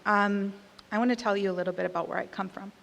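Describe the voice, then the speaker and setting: A gravelly, fairly bright medium-pitched voice moves quickly with fairly even intonation. It belongs to a Costa Rican woman in her thirties with an American accent, giving a candid, conversational awards speech with some emphatic punches in a large, echoing hall.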